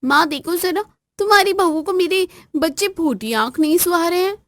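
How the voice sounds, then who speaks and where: A woman voices a pampered grown daughter in an acted family story, shrill, demanding and always complaining. Her voice sits very high and pushes loud. The sound is dry and close, with no room around it. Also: normal speed, dry recording. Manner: shrill, nagging, commanding. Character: bossy spoiled adult daughter, shrill and demanding.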